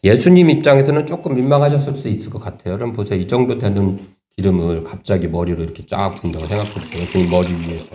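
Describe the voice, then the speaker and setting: Pastor guy giving a sermon, chatty, lots of questions to the crowd, warm low-ish tone, echoey and a bit muffled. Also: racing, hardly any pauses. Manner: conversational preaching with rhetorical questions to the congregation; animated, rising sharply when voicing indignation. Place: church sanctuary.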